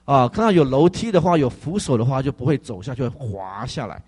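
A male pastor giving a conversational testimony sermon, animated and full of fillers. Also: medium pitch, fairly quick, husky.

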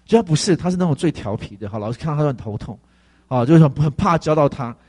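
A male pastor giving a conversational testimony sermon, animated and full of fillers. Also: a little high, quick pace, breathy edge.

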